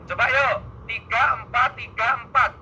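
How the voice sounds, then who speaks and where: A man's voice: very high voice, steady tone, moderate pace, bright, forceful tone, highs cut off, a little hiss or hum. A man teaching an exam-prep math lesson, playful and teasing, talking back and forth with his students. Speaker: math tutor.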